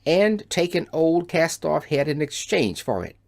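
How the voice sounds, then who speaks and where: A reader voicing an eager young girl who calls out and pleads in a high, excited voice, in an audiobook. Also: unhurried, gravelly. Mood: eager pleading. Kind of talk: audiobook character voice.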